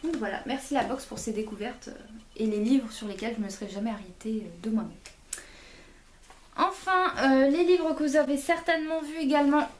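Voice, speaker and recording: A woman's voice: on the high side, a little mellow, echoey room, a little hiss or hum. A woman chatting casually about books she bought, with many fillers and self-corrections. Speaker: book vlogger. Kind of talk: casual book haul chat.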